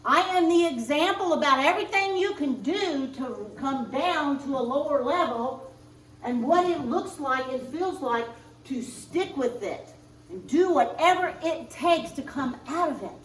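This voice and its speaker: A woman minister preaching a sermon, speaking in slow, emphatic spiritual affirmations, recorded in a church sanctuary. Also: sits high, expressive, slight background noise. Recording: roomy distant church recording.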